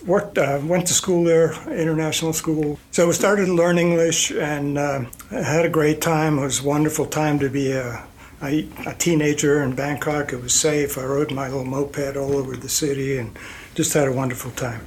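An older man from Iceland, a company president guest, telling his life story in a relaxed, rambling way with fillers and small chuckles. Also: fairly high pitch, moderate pace, slight background noise.

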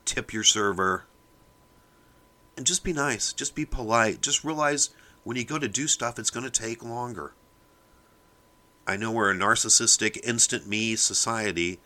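A man's voice: mid-range voice, a little slow, pauses often, sharp tone. Fired-up man lecturing his podcast audience. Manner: fired-up, lecturing, keeps addressing listeners as "people". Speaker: podcast host. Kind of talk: opinion monologue.

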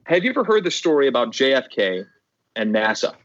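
A man's voice: medium pitch, big pitch swings, brisk, fairly bright tone, dry recording, muffled recording. A man speaking as a podcast guest, telling stories with emphatic repeated phrases. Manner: emphatic, repeats words for effect. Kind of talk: animated storytelling.

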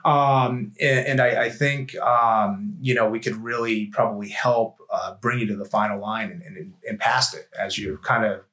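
A man's voice: on the low side, fairly even intonation, moderate pace, few pauses, a bit bright. Casual, agreeable man hosting a podcast. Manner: agreeable, informal, often tags sentences with "right?". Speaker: podcast host, financial advisor. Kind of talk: casual conversational podcast talk.

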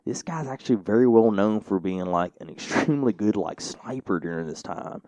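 A man's voice: on the low side, lively intonation, brisk, mellow, no room sound. A man co-hosting a podcast, telling a story in a casual, rambling way full of "like" and "you know.". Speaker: podcast co-host.

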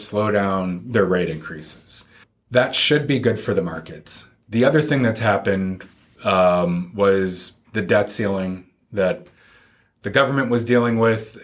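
A man with a fairly low voice talks as an advisor in an interview. He explains things in plain, informal, conversational language. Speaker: financial advisor, interview guest.

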